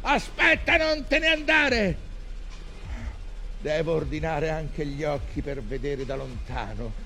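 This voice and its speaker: An actor playing an obsessed, commanding old whaling captain in a grandiose, imperious stage monologue. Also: male voice, on the high side, lively intonation, slow, slight background noise, exaggerated voice. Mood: frenzied, commanding, then brooding, commanding. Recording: music loud behind the voice.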